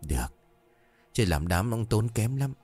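A man's voice: lowish voice, very animated, unhurried, darkish tone, soft background music. A man voicing a stern, protective village father who scolds his son bluntly. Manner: firm, scolding.

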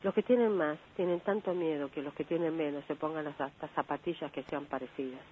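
A woman's voice: sits low, brisk. Earnest woman caller over a phone line. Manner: earnest, affectionate. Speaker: radio caller. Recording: tinny phone line, faint hiss.

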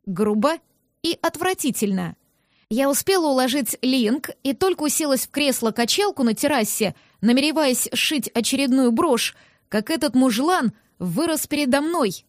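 A woman giving lively, expressive first-person narration of an audiobook. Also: sits high, normal speed, no room sound, clean studio sound.

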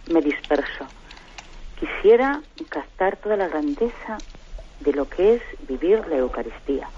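A woman from Valladolid phoning a radio program and earnestly asking the priest for help. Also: fairly low pitch. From Spain (Valladolid). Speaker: caller. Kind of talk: phone-in question. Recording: muffled phone line with faint noise.

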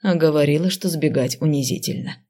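A woman voicing a calm, brooding adult male dark mage teacher in an audiobook, speaking quiet and reproachful. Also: deep voice, a little fast. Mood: bitter. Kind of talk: audiobook character voice.

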